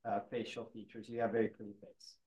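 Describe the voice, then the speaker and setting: A man's voice: on the low side, level tone, fast, warm tone, low-quality recording. A man from the American South hosting a casual podcast chat, teasing his guest in an easygoing way. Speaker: podcast host.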